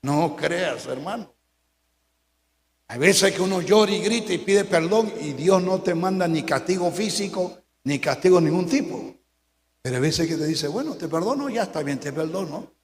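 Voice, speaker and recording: A male pastor preaching a sermon, swinging between hushed lines and shouted warnings. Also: high-pitched, moderate pace, echoey room, in a large hall.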